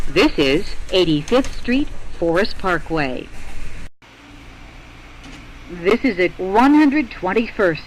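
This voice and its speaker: Male subway announcer, high voice, animated intonation, formal scripted delivery, faint train noise. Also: rough recording. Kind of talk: scripted automated-style transit announcements. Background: faint train ambience.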